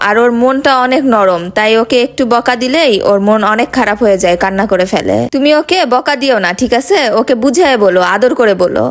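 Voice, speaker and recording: A woman chatting gently to her pet cats and her viewers in a coaxing tone. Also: a little high, expressive, a little fast, few pauses. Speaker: pet owner vlogger. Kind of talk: casual chat to pets and viewers.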